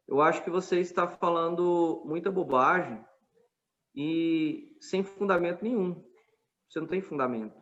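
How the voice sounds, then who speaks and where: His voice sits on the high side with a fairly bright tone, heard through a muffled recording. Chatting casually on a podcast with a Brazilian Portuguese accent, he earnestly recounts an argument on the street, full of quoted exchanges.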